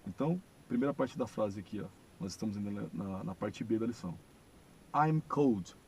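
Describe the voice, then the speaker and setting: A gravelly, dark-toned Brazilian man gives a community English lesson on video. He explains patiently in Portuguese, slowing down to say each English phrase clearly. A faint low rumble sits under his voice. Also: poor audio. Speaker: English teacher. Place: church classroom.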